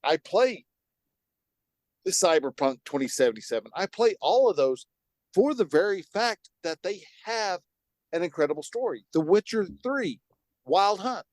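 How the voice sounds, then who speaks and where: A man co-hosting a podcast in casual chat, animated and quick to laugh. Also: sits high, no echo. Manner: animated, laughs often, jumps between topics. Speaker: podcast co-host.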